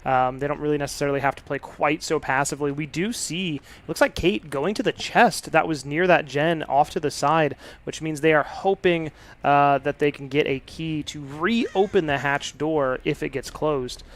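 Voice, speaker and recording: A man giving steady play-by-play commentary on a video game match, with frequent fillers. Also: on the high side, moderate pace. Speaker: esports caster.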